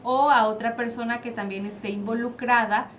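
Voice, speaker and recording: Mexican woman, psychologist guest, explains patiently, rhetorical questions, slightly high voice, faint hiss. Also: steady tone, normal speed, a bit bright. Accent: Mexican Spanish. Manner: explanatory, asks and answers her own questions. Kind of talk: panel discussion. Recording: faint background noise.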